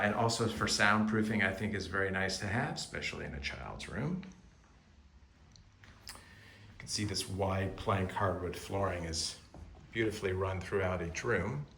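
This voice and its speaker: A man's voice: fairly low pitch, a bit bright. A man speaking as a real estate agent on a walk-through home tour, with polished, appreciative sales talk about each feature. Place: indoors, walking through rooms of a house. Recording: echoey rooms with faint background noise.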